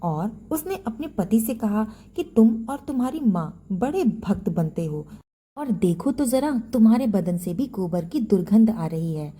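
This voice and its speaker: A woman's voice: mid-range voice, big pitch swings, measured pace, warm tone, slightly rough. Scornful young wife, as a woman storyteller voices her. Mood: disgusted. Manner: scolding, dismissive. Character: scornful young wife, sharp-tongued and irreligious.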